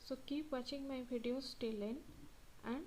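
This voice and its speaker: A woman tutor reads through study notes and then repeats the main points in her own words. Her voice sits a little high. A faint hiss runs under the recording. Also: moderate pace, darkish tone, rough recording. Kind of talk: reading and explaining study notes.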